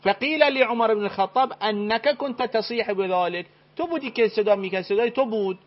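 A man speaking as a studio expert in a debate, firmly citing sources and reading passages aloud. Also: high voice. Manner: reads and translates old texts, firm. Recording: dull lo-fi broadcast sound.

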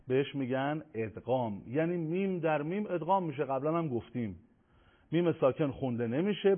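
Man teaching tajweed over tinny audio. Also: a little high. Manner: measured, slows down to spell out examples. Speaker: Quran recitation teacher. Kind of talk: tajweed lesson, explaining and reciting examples.

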